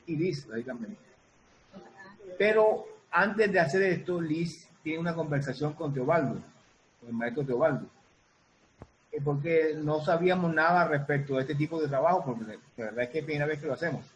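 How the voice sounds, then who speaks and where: On poor audio with slight background noise, a music producer and sound designer with a slightly high voice talks casually about his work as an interview guest. He speaks haltingly, repeating himself and rephrasing as he goes.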